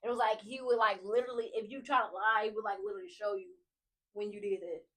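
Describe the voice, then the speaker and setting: A woman's voice: mid-range voice, steady tone, fast. A woman, co-hosting a casual faith podcast, talking expressively and chiming in often. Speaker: podcast co-host.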